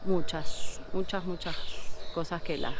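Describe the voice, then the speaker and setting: A man with a high voice speaks earnestly in an outdoor interview. Clear ambient noise and animal sounds are around him. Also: fairly even intonation, a little slow. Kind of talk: conversational interview.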